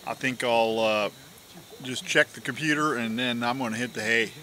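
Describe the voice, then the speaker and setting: A man's voice: mid-range voice, moderate pace, pushed and bright. A man vlogging outdoors at his campsite, chatting casually while he eats, rambling with fillers and trailing off. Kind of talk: casual chat while eating.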